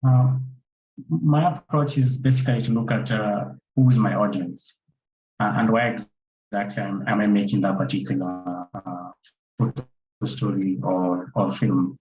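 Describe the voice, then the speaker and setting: A conservation photographer and filmmaker with a Kenyan accent explains his approach as a panelist, repeating points for emphasis and asking rhetorical questions. His lowish voice is steady, measured and a little mellow, heard over dull, roomy online-call audio.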